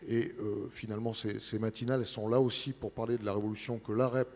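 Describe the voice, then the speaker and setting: A man's voice: on the low side, little pitch movement, quick pace, darkish tone. Hesitant man presenting in a reverberant hall. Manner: hesitant, searching for words. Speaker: interview guest representing a newspaper. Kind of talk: informal spoken event presentation. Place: large studio set in a big hall. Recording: large hall with long reverb.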